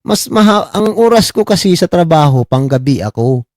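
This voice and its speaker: A middle-aged man from the Philippines doing casual live-stream commentary, mocking his subjects, asking "di ba?" again and again and giving shout-outs to viewers. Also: on the high side, animated, moderate pace, dry recording, clean studio sound. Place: abroad, talking on a live stream.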